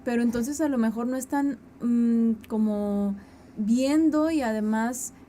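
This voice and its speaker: Woman, higher pitch, warm dark tone, earnest co-host, faint background noise. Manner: earnest, quotes people in quick asides. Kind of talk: conversational teaching.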